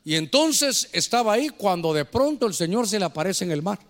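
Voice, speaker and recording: A male pastor delivers a fervent sermon in a high-pitched voice. He keeps turning to the congregation and calling them brother. The sound carries the long reverb of a church hall. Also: sing-song, fairly quick.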